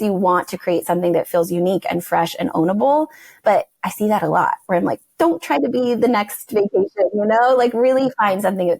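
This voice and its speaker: A woman's voice: fairly low pitch, gravelly, dark tone, no echo. A woman guest talking casually about brand strategy on a podcast, chatty and full of "like" and "you know". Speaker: guest, verbal identity strategist.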